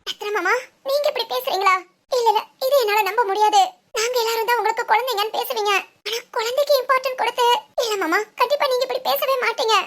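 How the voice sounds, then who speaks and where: A woman voicing a young wife and daughter-in-law who pleads in disbelief in an animated family drama. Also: very high voice, quick pace, a little hiss or hum. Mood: disbelieving.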